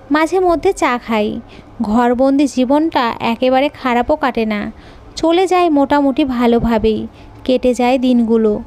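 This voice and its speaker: A woman telling a scripted audio story in the first person, in a calm, measured way. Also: sits high.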